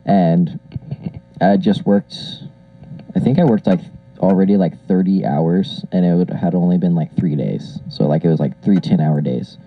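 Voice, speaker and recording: A young male podcast co-host talks through an old karaoke mic that sounds like a cockpit intercom, muffled and dry. His voice sits a little low, and he rambles with lots of fillers and laughs. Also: normal speed, no echo. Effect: muffled karaoke-machine mic, like a pilot on an intercom. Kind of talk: casual chat. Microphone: old karaoke machine microphone.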